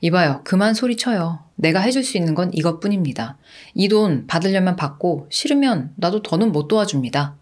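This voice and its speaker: A woman storyteller voicing a calm, firm male community leader in her own voice. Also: sits high, brisk.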